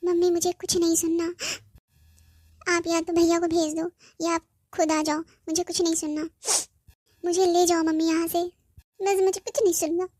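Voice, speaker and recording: A woman's voice: very high voice, steady tone, fairly quick, a little mellow, no echo, clean studio sound. A woman voicing a spoiled young cartoon bride who whines and pleads, repeating "mummy" over and over. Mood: tearful pleading. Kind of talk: cartoon voice acting.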